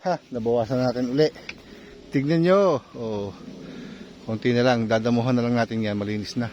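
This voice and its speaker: A man casually narrating to viewers while clearing cassava plants on his farm, often asking them "right?" and sometimes out of breath. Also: medium pitch, normal speed, darkish tone, lo-fi sound, a little hiss or hum. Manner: chatty, talks to viewers while working, often asks "di ba?". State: out of breath at times. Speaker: farm vlogger. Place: outdoors on a farm field.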